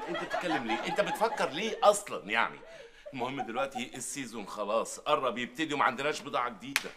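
A man's voice: medium pitch, expressive, very fast, background noise, lightly acted. An actor playing a hot-tempered, bossy bazaar owner with an Egyptian accent who keeps scolding his helper. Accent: Egyptian Arabic.

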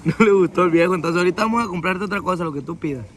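A young man with a Sinaloan Mexican accent and a fairly high voice hosts a casual vlog. He talks in loose street slang and keeps prompting the people around him, with busy street and shop chatter behind him on a handheld phone. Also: very fast. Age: young adult. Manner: slangy, egging on his companions. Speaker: vlogger hosting a day out with boys.

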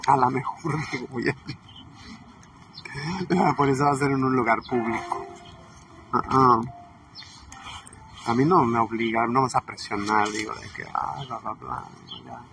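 Comic character piece: man playing a crude, chatty Mexican woman, mid-pitched, recorded far from the mic over a noisy background. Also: lightly acted. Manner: rambling, chatty, swears, trails off mid-sentence. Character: brash gossipy woman, rambling and crude. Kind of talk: comedic character monologue. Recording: distant mic with noisy ambience.

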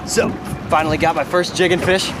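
A man's voice: a little high, level tone, fairly quick, heavy background noise. A man on a fishing trip, chatting casually and easily with some hesitant fillers. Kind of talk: casual chat.

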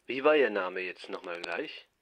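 A man's voice: sits low, lively intonation, moderate pace, fairly bright tone. A man talking spontaneously over the phone in a skeptical, sardonic way. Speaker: politician receiving a prank call. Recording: phone call with faint noise.

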